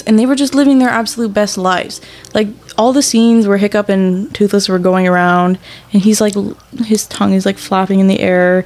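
A woman's voice: medium pitch, a little mellow. A young woman chats as a podcast co-host, rambling and giggling and swearing casually. Faint music plays behind her. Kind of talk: casual chat.

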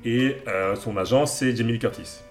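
Guy from belgium rambling excitedly about music and movies, roomy sound. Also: medium pitch, normal speed. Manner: enthusiastic, rambling, with many fillers and restarts. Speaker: podcast co-host. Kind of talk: casual chat recommending music and films.

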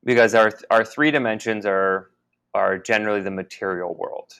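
Low-voiced man musing on podcast. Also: steady tone, gravelly, a bit bright, clear, resonant tone. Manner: musing, halting, many restarts and fillers. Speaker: podcast co-host. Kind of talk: casual spiritual conversation.

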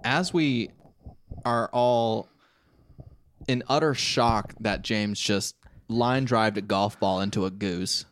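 A man's voice: on the low side, slow, pauses often. A young man chatting casually as a podcast host, retelling a funny moment with frequent laughter and lots of "like" and "dude". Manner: laughing storyteller, says "like" and "dude" a lot. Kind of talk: casual chat.

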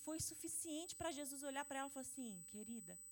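A woman's voice: high-pitched, quick pace. Chatty Brazilian woman preaching a sermon. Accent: Brazilian Portuguese. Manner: chatty, addresses the congregation directly.

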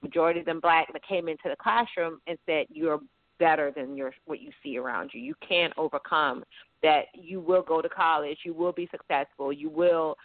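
Her voice is deep and creaky, her pace moderate, and the tinny phone-line recording has no room sound. She is an educator and writer, a woman from the United Kingdom raised in Florida, speaking earnestly and outspokenly as a call-in radio guest and often beginning her sentences again.

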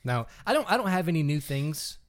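A man's voice: fairly high pitch, big pitch swings, fairly quick. A man hosting a casual podcast, upbeat and teasing as he steers the conversation. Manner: upbeat, teasing, leads the talk. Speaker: podcast co-host. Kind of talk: casual chat.

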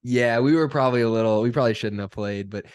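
A man's voice: medium pitch, fast talker, smooth. Young laid-back male podcast host. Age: young adult. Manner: laid-back, laughs often, chatty with many fillers. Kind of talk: casual chat.

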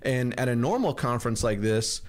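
A man's voice: mid-range voice, expressive, moderate pace. A man hosting a podcast from his kitchen, chatting and telling stories in a rambling way. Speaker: podcast host. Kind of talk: casual chat. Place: home kitchen.

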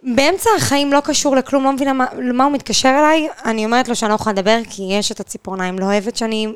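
Animated young woman telling a story. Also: a little high, clear, resonant tone. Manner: animated storyteller, quotes herself and others in dramatic voices. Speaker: podcast co-host. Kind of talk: casual chat, storytelling.

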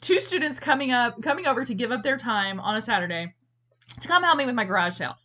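A woman's voice: on the high side, fast. A woman co-hosting a podcast, reviewing a movie in casual, jokey chat and acting out characters' lines. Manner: animated, jokey, acts out characters in quoted voices. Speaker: podcast co-host.

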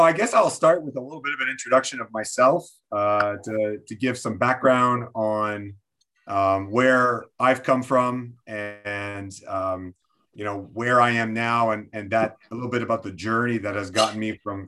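A man's voice: fairly low pitch, fairly even intonation, measured pace, pushed and bright. A man in his forties from Quebec City, presenting an online coaching workshop over a video call, with many fillers and restarts. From Quebec City, Canada.

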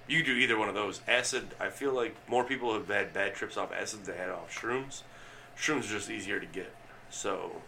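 A man's voice: fairly low pitch, bright, forceful tone, slight background noise. A man co-hosting a casual podcast chat, talking bluntly with crude jokes. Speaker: podcast co-host.

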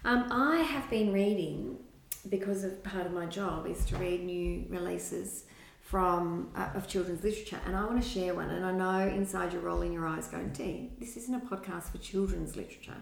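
A woman's voice: fairly low pitch, moderate pace, vocal fry, a little hiss or hum. Chatty woman podcast co-host, echoey room. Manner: chatty, reads from notes, reviews children's books. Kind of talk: casual chat.

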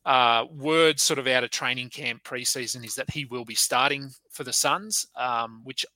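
A man's voice: medium pitch, normal speed, bright, forceful tone, no echo, low-quality recording. A man hosting a casual podcast, chatty and loose with plenty of fillers and restarts. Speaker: podcast host.

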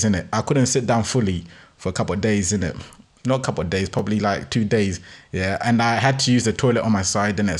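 A man in his twenties with a London roadman accent and slangy street talk, hosting a casual motivational podcast monologue. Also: on the low side. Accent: London, urban roadman slang style. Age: 20s. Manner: street-slang talk with constant "innit" tags. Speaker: podcast host.

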